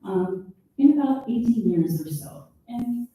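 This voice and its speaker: A woman presenting her research at an academic conference. She speaks in a measured, explanatory way and draws out key terms. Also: on the high side, animated, dark tone, a little hiss or hum. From born in Peru, raised in the United States. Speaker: special education professor presenting research. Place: conference hall. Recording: echoey room, voice distant from the mic.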